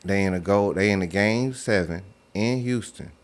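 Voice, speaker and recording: Low male voice, slangy sports co-host, argues informally and repeats points. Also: normal speed. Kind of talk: casual basketball debate.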